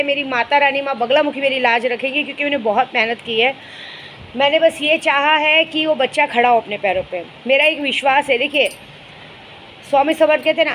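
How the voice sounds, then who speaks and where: A woman with a high, slightly bright voice, working as a spiritual guide, chats casually with her followers in a vlog, telling stories with fond asides. The recording is low quality, with slight background noise.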